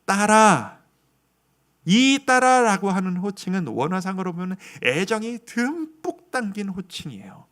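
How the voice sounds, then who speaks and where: High, lively-voiced male pastor preaching. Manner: dramatic storytelling with acted quotes; earnest personal testimony. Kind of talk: sermon.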